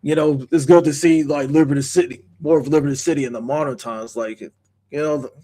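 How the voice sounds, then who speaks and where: A man co-hosting a gaming podcast, talking casually and haltingly, searching for words with lots of "like". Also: a little high, steady tone, dark tone. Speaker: podcast co-host.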